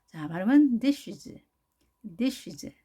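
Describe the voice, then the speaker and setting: A woman teaching an English phonics lesson, patiently repeating each model word slowly. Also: a little high, expressive, dark tone, breathy edge.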